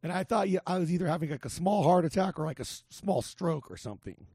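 A man hosting a casual podcast with a gravelly, hoarse, raspy voice and a halting, sweary way of talking. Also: fairly high pitch, animated, dark tone, no room sound, clean studio sound. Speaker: podcast host.

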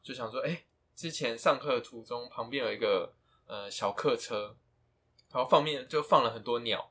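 A man's voice: mid-range voice, moderate pace, fairly bright tone, a little hiss or hum. A young man co-hosting a casual podcast, telling funny pet stories with lots of laughter and imitated bird chirps and squawks. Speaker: podcast co-host. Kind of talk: casual chat.

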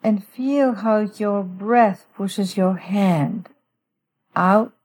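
A woman with a mid-range voice leads a breathing meditation. She sounds like a sleep story narrator, soothing and gentle. Each instruction is unhurried and followed by space. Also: medium pitch. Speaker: guest author leading a guided breathing meditation.

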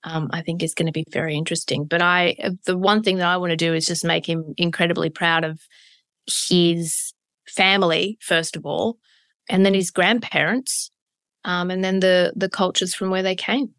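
A woman's voice: on the low side, steady tone, moderate pace, a bit bright, clean tone, no echo. Candid woman with broad Australian accent. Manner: candid, emphatic, piles up synonyms. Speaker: interview guest. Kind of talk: reflective conversational interview.

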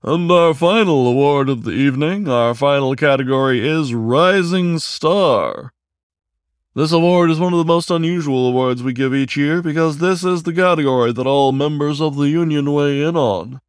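Man putting on a pompous aardvark announcer, higher and louder, slow formal droning, dry close sound. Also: smooth, no room sound, close to an everyday voice. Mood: formal announcing. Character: pompous male aardvark awards host.

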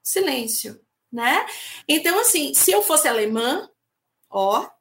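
A woman's voice: high voice, sing-song, measured pace, fairly bright tone. A woman from Brazil, speaking firmly and emphatically in a casual discussion. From Northeastern Brazil. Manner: firm and emphatic, blunt statements. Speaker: discussion panelist.

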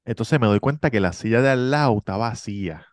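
A man's voice: mid-range voice, fairly quick, dry recording. A man telling a travel story in casual chat, acting out the people in it. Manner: animated, acts out the people in his story. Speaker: podcast host.

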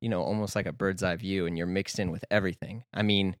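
A man's voice: sits low, fairly even intonation, quick pace, dry recording, studio quality. A man hosting a casual interview, friendly and affirming, laughing along with his guest. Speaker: podcast host.

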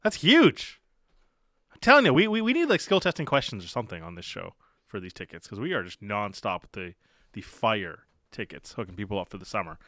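A man hosting a sports talk radio show, chatting and presenting in an animated way. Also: fairly low pitch, a little fast, no room sound, clean studio sound.

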